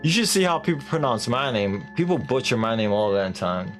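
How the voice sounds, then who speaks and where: A man's voice: mid-range voice, big pitch swings, a little fast, soft background music. A man live-streaming a game, chatting casually and animatedly with viewers, laughing and swearing offhand.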